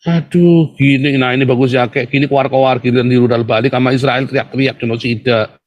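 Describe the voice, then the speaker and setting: A man's voice: medium pitch, level tone, fast talker, lo-fi sound. Mocking man hosting a livestream. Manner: mocking, provocative, keeps addressing viewers directly; laughs scornfully. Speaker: livestream host. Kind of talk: livestream commentary.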